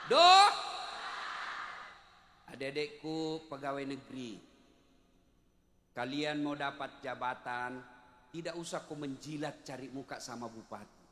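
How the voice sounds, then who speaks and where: A man's voice: on the high side, sharp tone, a little hiss or hum. A man preaching a humorous sermon at a large outdoor gathering, telling jokes, acting out quotes and breaking into song. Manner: jokey storytelling, bursts into song and acts out quotes. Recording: echoey PA in a big venue.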